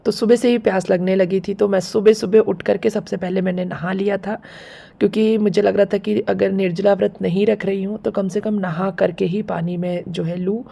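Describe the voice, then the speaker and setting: A woman with a sore, hoarse throat chatting casually through a home vlog, explaining things step by step. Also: mid-range voice, fairly even intonation, moderate pace, dark tone. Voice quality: gravelly, husky. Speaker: home vlogger.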